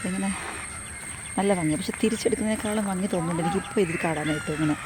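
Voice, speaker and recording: A woman walking a rural path on a casual vlog, hoarse from losing her voice, chatty and rambling as she repeats herself. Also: on the low side, racing, background noise. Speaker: vlogger. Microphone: phone front camera at arm's length.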